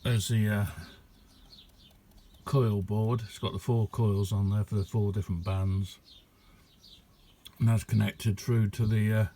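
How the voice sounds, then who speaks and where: A radio hobbyist demonstrates his homemade receiver in a relaxed vlog filmed in his indoor radio room. His low, mellow voice is flat, slow, halting and colloquial, with a bit of background noise.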